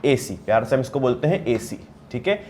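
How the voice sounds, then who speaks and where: A man's voice: mid-range voice, big pitch swings, brisk, darkish tone, slight background noise. A man lecturing on physics to students, asking questions and answering them himself, repeating key terms and mixing in English technical words. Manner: mixes English technical terms into his talk. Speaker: physics teacher. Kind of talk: classroom lecture.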